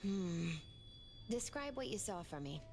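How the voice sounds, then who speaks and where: Thoughtful tarot reader in a game, creaky voice, calm and musing, faint music behind. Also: female voice, mid-range voice. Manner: measured, musing. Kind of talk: video game voice acting.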